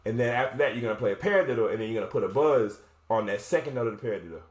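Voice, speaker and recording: Very fast and with lively intonation, a man in a mid-range voice casually explains drum rudiments step by step as a drumline instructor. He thinks aloud, corrects himself, and demonstrates on a drum. Music plays in the background of the echoey room, along with drumming.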